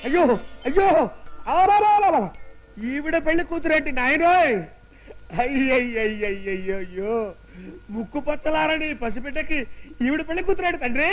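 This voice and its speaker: Wailing, exasperated young priest. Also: male voice, very high-pitched, fairly quick, faint music behind, rough recording. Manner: wails and laments dramatically. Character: reluctant young priest, excitable, loudly wailing. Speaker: priest asked to perform a wedding.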